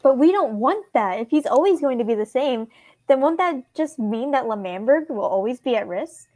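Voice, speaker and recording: A woman voicing a worried teenage boy, reading a fan script aloud in an earnest, hushed way. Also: high-pitched, lively intonation, normal speed, dry recording. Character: worried teenage boy confiding about a friend.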